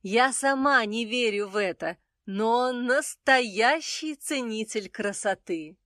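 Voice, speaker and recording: Man playing a panther goddess of beauty, high raised voice, slow and languid, smooth and mysterious, dry close sound. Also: sharp tone, no room sound, exaggerated voice. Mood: dreamy. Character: graceful half-panther goddess of beauty, female, cool and mysterious. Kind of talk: audiobook character voice.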